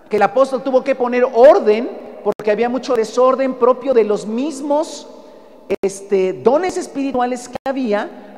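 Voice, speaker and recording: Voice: medium pitch, darkish tone, long reverb tail. A preacher with a Mexican accent delivering an emphatic sermon, often calling the listeners brother and asking them rhetorical questions.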